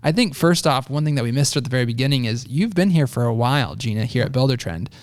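A man's voice: mid-range voice, animated, fast talker, no echo. A man hosting a podcast, upbeat and casual, moving the talk along. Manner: upbeat, wrapping up segments. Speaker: podcast host.

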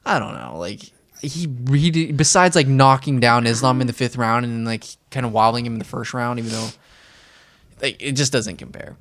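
A man's voice: mid-range voice, normal speed, fairly bright tone, no room sound. A young man hosting a podcast in casual chat, rambling and laughing often. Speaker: podcast host.

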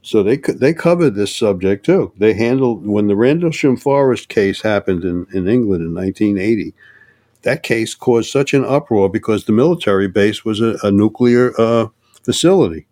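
Older male podcast guest, low voice, dry close sound, halting delivery with many restarts. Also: expressive, warm tone, dry recording. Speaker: guest on UFO topics. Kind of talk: casual podcast conversation.

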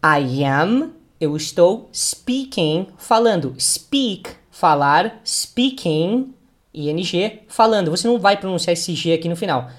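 A man teaching English pronunciation, drilling words slowly and having the listener repeat after him. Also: high voice, expressive. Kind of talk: pronunciation lesson.

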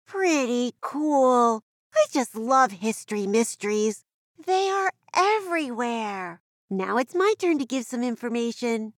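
A woman acts out a playful, excitable cartoon cat girl. The voice is high and swoops widely, with a broad singsong kids' theatre delivery. It sits close and dry, full of curiosity. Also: measured pace, dry recording. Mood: cheerful, curious. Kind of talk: scripted educational dialogue for children.

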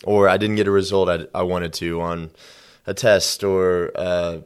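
A man in a faith-based podcast conversation who speaks in a thoughtful, measured way, pausing on "uh" and "um," with some dry, self-deprecating humor. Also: low voice, level tone, clear, resonant tone. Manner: thoughtful, measured, uses fillers like "uh" and "um".

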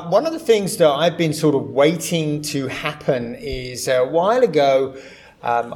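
Male analyst, echoey room at a conference venue, measured podcast chat, mid-pitched voice. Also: darkish tone. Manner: measured and chatty, with frequent "uh" pauses. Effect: echoey room sound. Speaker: podcast co-host and video industry analyst.

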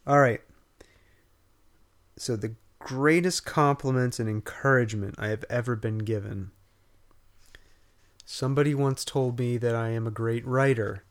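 A man with a nasal, medium-pitched voice co-hosts a casual podcast on a studio mic, speaking a little slowly with long pauses. His humor is dry and self-mocking, often at his own expense.

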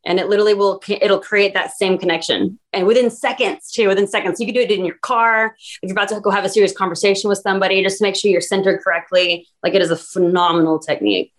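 A woman talks quickly in a relaxed podcast chat, her pitch sitting in the middle range. She is earnest and rambling, stacking up fillers as she explains things. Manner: earnest, rambling, heavy use of "like". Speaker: guest. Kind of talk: casual podcast conversation.

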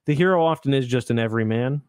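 A man's voice: mid-range voice, fast, a little mellow, clear, resonant tone, dry recording, studio quality. A man co-hosting a podcast, explaining at length in a rambling casual chat over a remote call. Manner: rambling, self-correcting explanations. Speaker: podcast co-host.

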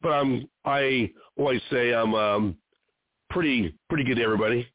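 A man hosts an independent show in a mid-pitched, chatty voice, circling around his questions and trailing off mid-thought. The audio is dry and narrow-band, like a phone call. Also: moderate pace, dry recording. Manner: rambling, conversational, trails off. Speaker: host and producer of an independent show. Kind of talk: interview hosting. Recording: dry, tinny phone-line sound.

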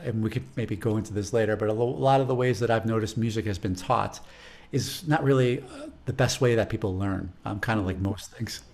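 Speaking in a fairly low voice with vocal fry, this Chicago-accented man teaches music and is being interviewed in a casual conversation. He rambles thoughtfully, frequently repeating words as he collects his thoughts.

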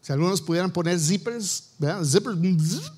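Man, pastor, high voice, playful sermon, acts out spouses. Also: animated, moderate pace, a little mellow, breathy edge. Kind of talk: sermon on marriage.

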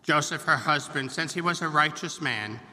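A man solemnly proclaiming a gospel reading at Mass, his measured voice carrying a cathedral echo through a large church. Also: on the high side. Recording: long church reverb, faint hiss.

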